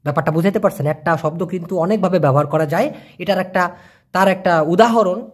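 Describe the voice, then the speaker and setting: A man teaching a casual online language lesson, answering viewers' questions by name and repeating words slowly as he explains them patiently. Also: sits high.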